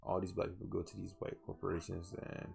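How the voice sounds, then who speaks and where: A man's voice: low-pitched, flat delivery, quick pace, gravelly, darkish tone. A young man hosting a solo podcast, talking earnestly and rambling with many restarts, tired and yawning. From southwest Georgia, US. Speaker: podcast host.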